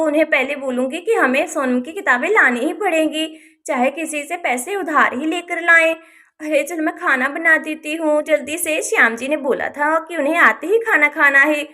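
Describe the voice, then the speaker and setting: A woman voicing a caring village mother in a doll storybook, talking softly and reassuringly. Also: sits high, moderate pace. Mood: determined. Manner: soft, reassuring, sighing.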